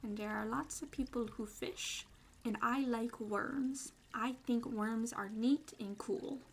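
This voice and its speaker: A young adult woman streamer in quiet, casual ASMR chat, playful and rambling, sometimes dropping into soft whispers. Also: on the high side, fairly even intonation, takes it slowly, breathy edge.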